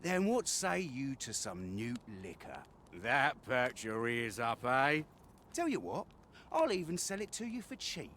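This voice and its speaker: An actor playing a shady, coaxing street merchant in a video game, murmuring his sales pitch secretively. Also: very animated, measured pace, fairly bright tone, slight background noise. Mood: sly, coaxing. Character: shady male street merchant peddling dubious liquor, sly and coaxing. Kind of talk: video game character dialogue.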